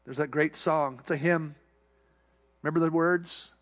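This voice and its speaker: Man, pastor, sermon, high-pitched voice, emphatic then hushed delivery. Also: steady tone, unhurried. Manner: preaching with rising emphasis and soft, quiet asides.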